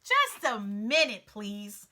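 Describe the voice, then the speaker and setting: A woman's voice: medium pitch, wildly swooping pitch, slow pace, sharp tone, exaggerated voice. A woman voicing a fussy, sentimental male mouse who talks in a whiny, pitiful, dramatic way, reading a storybook aloud. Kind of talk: storybook read-aloud character voice.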